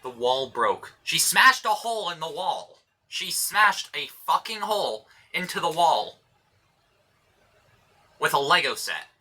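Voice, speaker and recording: A man's voice: fairly high pitch, very animated, unhurried, sharp tone, husky. A young man telling stories in a casual vlog, blunt and rambling, swearing often. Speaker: vlogger.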